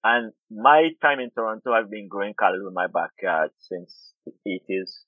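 This middle-aged man from Guyana, an urban farmer and food activist, is an interview guest reflecting on farming and often repeating words as he hunts for them. His lowish voice is expressive at a moderate pace. There's no room sound, and the audio is tinny like a phone.

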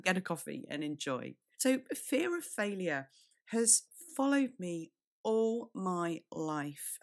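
A British woman with a croaky, breaking voice, hosting a solo business podcast in a candid, conversational way and speaking straight to the listener. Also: medium pitch. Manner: candid, addresses listener directly. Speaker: podcast host.

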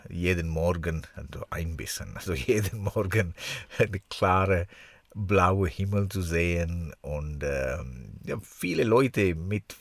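A man with a foreign accent in German, chatting haltingly on a podcast in a congested, nasal voice, as if with a broken nose. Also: sits low, vocal fry, dry recording. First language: not German. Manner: halting, searching for words. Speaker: podcast co-host. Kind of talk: casual podcast chat. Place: small camper van used as studio.

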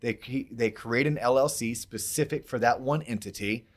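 A man's voice: mid-range voice, moderate pace. A man hosting a podcast, explaining things in a casual, emphatic way and checking in with rhetorical questions. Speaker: podcast host.

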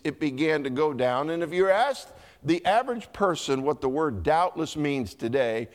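A male pastor with a Southern US accent and a mid-range voice preaches emphatically, stretching out key words and repeating himself.

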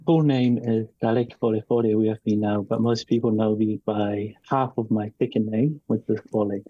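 A man born in New Zealand and raised partly in Tonga, a guest in an interview, speaking in a measured, reflective way with frequent ums and restarts. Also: lowish voice, steady tone, husky, lo-fi sound. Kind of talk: casual interview talk.

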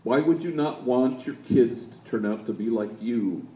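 A man's voice: mid-range voice, moderate pace, dark tone, lightly acted. A man quoting an earnest woman in the audience. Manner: determined, moved. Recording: echoey church with faint noise.

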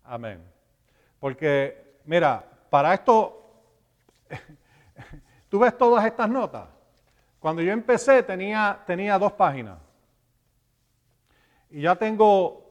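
A man's voice: sits high, long reverb tail. A man preaching a sermon at a live church service, talking in a conversational way and often checking in with his listeners. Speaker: pastor.

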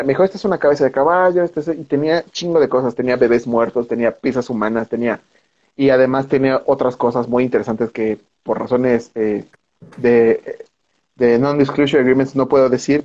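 A man's voice: medium pitch, a little mellow, highs cut off. A man with a Mexican accent, a film director guest, telling a long anecdote in casual slang and acting out the voices of the people in it. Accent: Mexican Spanish. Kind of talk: animated storytelling anecdote.

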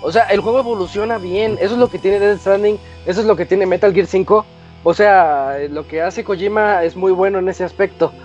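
A man's voice: high voice, fairly quick, a little mellow, highs cut off, soft background music. A man with a Mexican accent talking casually about video games as one of a podcast panel.

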